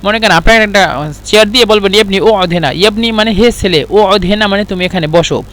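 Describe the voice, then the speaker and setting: A man teaching Arabic vocabulary in a casual spoken lesson, repeating each word slowly and explaining what it means. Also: sits high, fairly bright tone.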